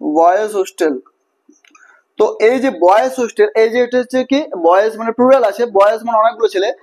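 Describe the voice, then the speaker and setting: Male grammar teacher, high voice, patient repetitive classroom delivery. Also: fast, darkish tone. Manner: repetitive, checks in often with a tag question, spells words out letter by letter.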